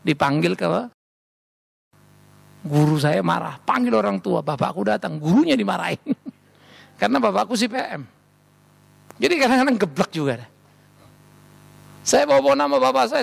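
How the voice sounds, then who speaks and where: A man's voice: sits high, vocal fry. A middle-aged male pastor preaching a sermon, telling stories and acting out quoted voices. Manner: storytelling, animated, acts out quoted voices. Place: large church hall.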